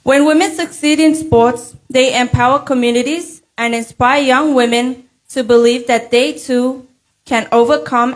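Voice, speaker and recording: A young woman delivers a prepared, formal speech as a pageant contestant. Her voice sits fairly high. She speaks earnestly, with measured, rhetorical phrasing. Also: low-quality recording. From Nauru. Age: young adult.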